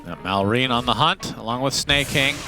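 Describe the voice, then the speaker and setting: A man's voice: mid-range voice, normal speed, over music. A man casting a live esports match, joking and laughing easily with his co-caster. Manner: jokey, laughs often, self-deprecating.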